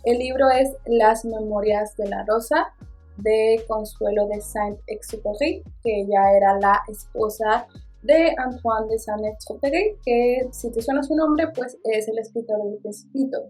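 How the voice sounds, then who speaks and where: Mexican girl doing a book vlog, kinda high and breathy, expressive and playful. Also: unhurried, faint music behind. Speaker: book vlogger. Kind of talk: casual book review chat.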